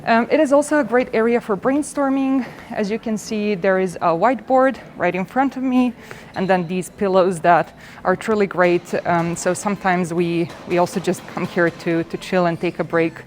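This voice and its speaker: With a medium-pitched, darkish voice at normal speed, a woman in her 20s from Serbia, Serbian her first language, gives a cheerful, welcoming campus tour as a student guide, outdoors and in big halls. A little hiss or hum is audible.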